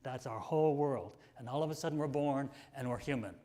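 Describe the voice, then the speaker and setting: A male minister with a medium-pitched voice preaches a sermon, reading passages aloud. He is slow and tender on some lines and rises with emphasis on others. At quiet moments he drops almost to a whisper.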